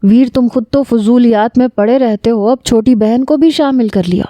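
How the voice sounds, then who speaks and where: A stern, reproachful father figure who scolds with a mellow, rounded tone, voiced by a woman reading aloud. The recording is close and dry, with no room sound. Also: medium pitch, lively intonation, dry recording, lightly acted. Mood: scolding.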